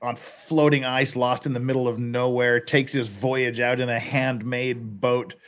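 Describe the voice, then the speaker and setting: A middle-aged man hosts a casual livestream from his home studio, seated in front of a backdrop and wearing a headset mic. He chuckles as he reads chat comments aloud. His mid-range voice is fairly bright, with fairly even intonation and an unhurried pace.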